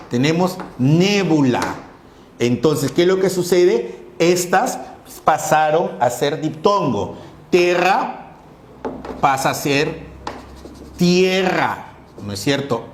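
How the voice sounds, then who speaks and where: A man's voice: fairly high pitch, reverberant, slight background noise. A male teacher giving a lecture on language history, explaining patiently and often checking with "¿no es cierto?". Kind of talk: classroom lecture.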